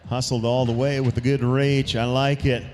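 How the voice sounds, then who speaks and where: A man calling tie-down roping runs live at a rodeo, quick and upbeat, and joking with a co-announcer between runs. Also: mid-range voice, level tone, darkish tone, faint music behind. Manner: quick, upbeat calls with easy laughter. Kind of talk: live rodeo commentary and banter.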